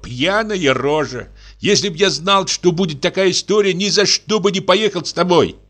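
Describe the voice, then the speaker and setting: A man reads aloud in a high-sitting, fairly bright voice pushed upward, at a moderate pace. He voices a weary, thirsty male guest who grumbles indignantly about his host, and the mood is indignant and exhausted.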